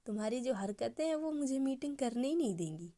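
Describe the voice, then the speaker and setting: A calm young woman gently teasing her clingy partner, voiced by a female storyteller. Her mellow voice stays soft and reassuring, with a playful edge. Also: high-pitched, fairly quick, voice pushed up.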